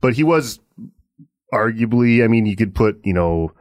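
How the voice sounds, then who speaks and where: A man's voice: fairly low pitch, animated, normal speed, a little mellow, no room sound, clean studio sound. A man co-hosting a podcast, rambling casually about music and often restarting his sentences. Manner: rambling, hesitant, with frequent restarts and laughs. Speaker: podcast co-host.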